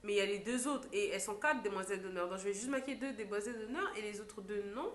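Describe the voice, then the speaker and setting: A young woman, a makeup artist, telling a story in a lively vlog style and acting out what others said. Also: mid-range voice, fast talker. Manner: animated storytelling, acts out quotes. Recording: echoey room.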